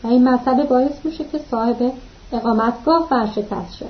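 A woman reading the lines of a calm, practical man travelling with the narrator, in a matter-of-fact manner, in a dull lo-fi recording. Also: a little high, close to an everyday voice.

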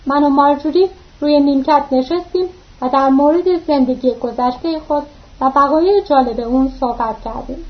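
A woman narrating a novel aloud, reading steadily and voicing the dialogue lightly, with occasional slips and restarts. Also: high voice. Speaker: audiobook narrator. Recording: dull lo-fi recording.

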